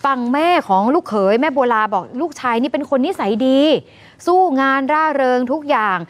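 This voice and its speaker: A woman news anchor addressing viewers and recounting a crime story in a brisk, emphatic way. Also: high-pitched, animated. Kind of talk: news commentary.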